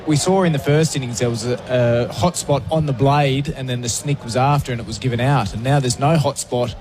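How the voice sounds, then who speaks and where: A man's voice: mid-range voice, a little fast, a crowd in the background. A man giving conversational cricket commentary as an expert co-commentator. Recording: steady outdoor ambient noise.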